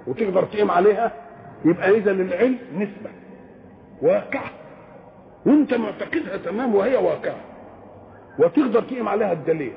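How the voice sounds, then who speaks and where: A man with an Egyptian Arabic accent giving a religious lecture, asking questions and answering them himself and reciting verses slowly. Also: high-pitched, creaky. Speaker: Quran commentator. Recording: tinny narrow-band lecture recording with faint hiss.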